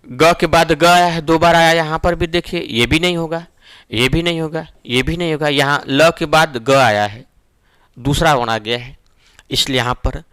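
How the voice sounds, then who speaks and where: A man's voice: on the high side, bright, forceful tone, smooth, no echo. A man teaching a Hindi grammar lesson for exam preparation, explaining step by step and checking that students follow. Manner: explains step by step, often asks "ठीक है ना?".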